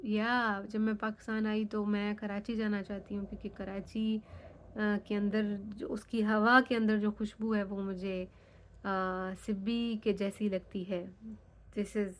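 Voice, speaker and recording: In an unhurried casual chat, a young Pakistani woman vlogs frankly in Sindhi-accented Urdu, sprinkling in English phrases; Sindhi is her native language. Her mid-range voice shows little pitch movement.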